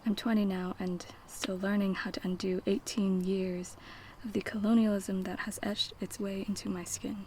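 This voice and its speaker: A twenty-year-old woman from the United States performing spoken word poetry with a rhythmic, dramatic delivery and repeated refrains, often breathy and half-whispered. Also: mid-range voice, level tone, normal speed, warm tone, slight background noise, poor audio. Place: banquet event.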